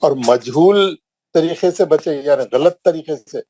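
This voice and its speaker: A man with a Hyderabadi accent leads an online recitation lesson, drawing out and repeating each drill word with great patience. His voice sits a little high for a man yet sounds mellow and dark. The recording is dry and close, with no room echo. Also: breathy edge. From India. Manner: slow and drawn out, repeating drill words for students. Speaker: Quran recitation teacher.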